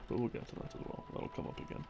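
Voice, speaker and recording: An audio creator playing a boyfriend explains game lore in a very fast, rambling, intimate and casual way, with wry, hesitant asides. Soft game theme music and some background noise sit behind his voice.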